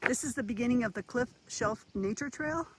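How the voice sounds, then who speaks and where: A woman's voice: on the high side, brisk. Retired woman vlogging on a hiking trail. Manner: chatty, relaxed commentary while walking. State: out of breath. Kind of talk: casual hiking vlog narration. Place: outdoors on a nature trail. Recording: outdoor phone audio with insect noise.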